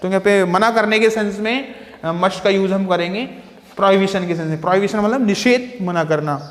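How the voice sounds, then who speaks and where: High-voiced male teacher in an echoey room. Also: fairly quick. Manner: asks rhetorical questions and answers them himself; repeats key terms with simple synonyms. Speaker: English grammar teacher. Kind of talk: explaining grammar to students. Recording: echoey room with long reverb.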